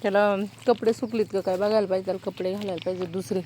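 A woman's voice: mid-range voice, steady tone, rapid-fire, dark tone, slight background noise. A woman chatting casually outdoors in a garden for a family vlog, soothing a crying baby with baby talk and imitating a dog's bark. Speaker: family vlogger and mother.

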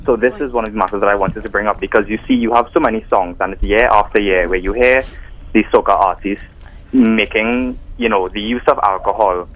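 A man's voice: on the low side, steady tone, brisk, a bit bright, a little hiss or hum, poor audio. An eighteen-year-old man calling a radio show, speaking earnestly and articulately with some fillers. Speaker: caller. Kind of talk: call-in radio.

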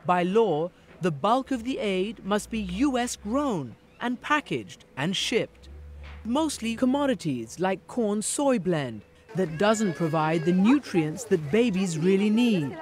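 A middle-aged woman correspondent giving a measured, earnest scripted news narration. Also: mid-range voice, very animated, a little mellow.

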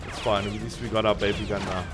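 A man chatting and swearing excitedly while playing a co-op shooter with friends, his voice jumping up at the action. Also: lowish voice, fast. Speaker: gamer. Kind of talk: co-op gameplay chat. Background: game music and gunfire.

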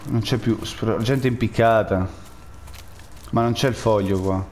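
A man's voice: on the low side, unhurried, darkish tone, faint music behind. A man giving jittery, jokey live commentary while playing a game and talking to his chat. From Rome, Italy. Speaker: gaming streamer.

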